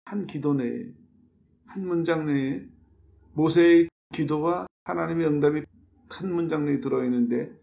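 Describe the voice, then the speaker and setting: A male pastor preaches verse by verse and acts out the lines of God and Moses in dialogue. His voice has a strong gravelly rasp. The recording sounds thin and narrow, like a phone line. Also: fairly high pitch, moderate pace. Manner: explains scripture verse by verse. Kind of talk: sermon.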